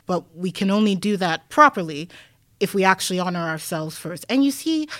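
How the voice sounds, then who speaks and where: A woman guest scholar who grew up in Denmark, talking through her ideas in a relaxed podcast interview, thinking aloud with many "like"s and "um"s and the odd wry laugh. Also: on the low side, fairly quick, dry recording. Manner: reflective, thinks aloud with frequent "like" and "um"; laughs easily, wry asides.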